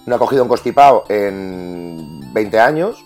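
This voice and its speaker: A man's voice: lowish voice, lively intonation, unhurried, darkish tone, faint music behind. A man, co-hosting a podcast in casual, jokey banter with exaggerated reactions. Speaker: podcast co-host.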